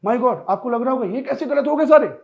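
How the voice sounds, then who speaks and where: A man teaching pronunciation in a classroom-style lesson, lively and joking, talking straight to his students. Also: very high-pitched, fairly quick, creaky, lo-fi sound.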